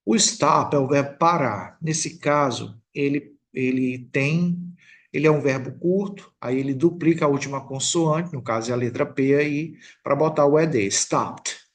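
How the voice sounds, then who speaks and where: A man with a Brazilian Portuguese accent, teaching a recorded English lesson over slides. He explains slowly and patiently and keeps checking in with the listener. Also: fairly high pitch. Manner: slow, patient explaining with frequent "tá bom?" check-ins.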